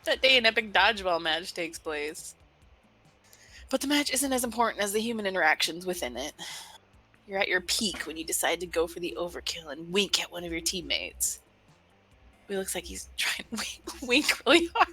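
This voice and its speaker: A woman's voice: on the low side, lively intonation, moderate pace, sharp tone, breathy edge, rough recording. A woman playing and reading out a video game, narrating playfully and theatrically with casual banter. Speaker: let's play reader and player.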